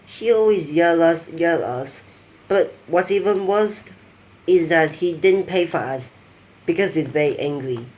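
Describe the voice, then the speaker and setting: A man telling a rambling mock-documentary story in halting, non-native phrasing, acting out quoted lines. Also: fairly high pitch, a little mellow, slight background noise. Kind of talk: improvised storytelling narration.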